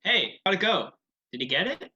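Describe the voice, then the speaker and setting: Man as a breezy casting assistant, offhand, bright, lo-fi call audio. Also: high-pitched, sing-song, normal speed, husky, heavily acted. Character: laid-back, scheming male casting assistant. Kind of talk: online amateur comedy sketch. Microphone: video call.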